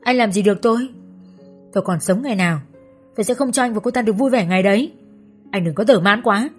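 A woman voicing a jealous, furious young woman who has been jilted, shouting insults. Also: brisk, slightly rough, faint music behind, natural voice. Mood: scornful. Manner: shrill, screaming, insulting.

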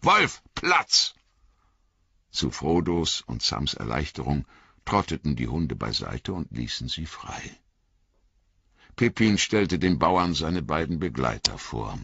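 A man narrating a fantasy audiobook in an expressive storytelling manner. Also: extremely low pitch, measured pace, gravelly, slightly rough, no room sound, lo-fi sound. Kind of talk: scripted narration.

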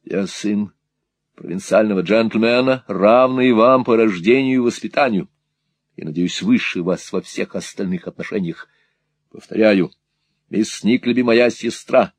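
A hot-headed young gentleman flares up in defiance, as a male narrator puts him on. His voice is low and slightly husky, and it turns fierce and indignant. It is close-miked and dry. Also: a little slow, no echo. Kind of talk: audiobook character voice.

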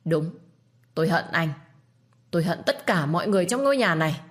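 A woman voices a venomous young wife in a spoken story. Her lines come sneering and defiant, pushed higher than her own low voice. She spits her words with cold hatred. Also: animated, a little fast, natural voice. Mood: bitter.

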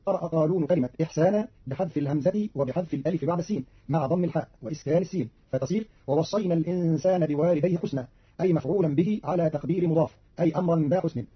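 Man, brisk formal narration, raised pitch, lo-fi archival radio. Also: husky. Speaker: radio presenter. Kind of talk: scripted explanatory narration. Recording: dull lo-fi archival radio recording.

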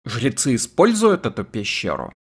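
A polite, relentless interrogator, read by a male audiobook narrator, pressing question after question with a calm, courteous edge. The voice is a mid-pitched, husky baritone that stays measured and insistent. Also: full character voice. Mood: probing.

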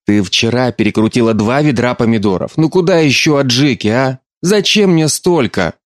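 A man's voice: mid-range voice, expressive, moderate pace, dry recording, studio quality, lightly acted. A man voicing a frustrated young adult daughter who pleads with her mother in an audiobook. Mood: insistent.

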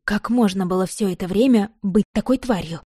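Woman narrating an audiobook, mellow voice. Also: mid-range voice, brisk, breathy edge, no echo, clean studio sound. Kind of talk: scripted narration.

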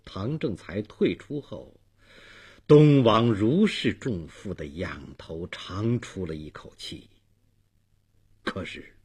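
Husky, dramatic male storyteller. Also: low-pitched. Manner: dramatic, swinging between hushed and loud. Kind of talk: traditional long-form storytelling narration.

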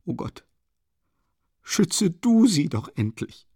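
A man voicing a desperate, sick mother who sobs and screams hoarsely in an audiobook. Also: very animated, takes it slowly, dark tone, no echo, studio quality, full character voice. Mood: wailing, desperate. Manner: frantic pleading, high wailing cries. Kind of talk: audiobook character voice.

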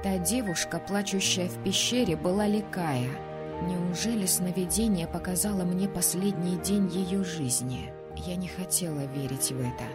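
A woman reading first-person narration for an audiobook in an even, measured way. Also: fairly low pitch, loud music behind the voice.

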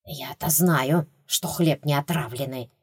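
A woman's voice: lowish voice, measured pace, a little mellow, slightly rough. A woman voicing a brash, distrustful second ghost rat who talks bluntly and stubbornly. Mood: suspicious.

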